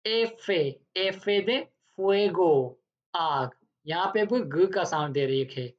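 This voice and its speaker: A woman teaching the alphabet in a language lesson. She speaks slowly and deliberately, spelling words out letter by letter, repeating each one and then giving its meaning. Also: lowish voice. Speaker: Spanish teacher. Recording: dull lo-fi recording.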